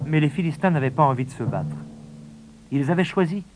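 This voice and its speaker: A man reading a children's storybook aloud in a measured, dramatic narration. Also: fairly high pitch, lively intonation, music in the background.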